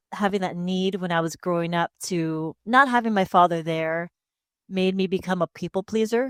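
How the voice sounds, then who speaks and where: A woman from Hawaii talks openly through her life story in a relaxed interview on a headset mic. Her voice is smooth and clear and sits a little low. The sound is dry and close. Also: no room sound. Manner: open, steady storytelling. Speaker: guest, speech-language pathologist. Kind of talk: casual interview answers.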